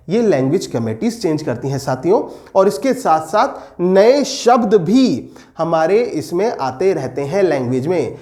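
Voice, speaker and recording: Animated high-voiced male teacher. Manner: animated, slows to dictate English definitions, rhetorical questions to students. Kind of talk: exam-prep lecture.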